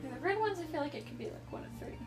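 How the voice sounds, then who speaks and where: Giggly woman, animated high voice, casual chat, music behind. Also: rapid-fire, echoey room. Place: small bedroom, indoors. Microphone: camera a short way off. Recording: distant camera mic, music behind.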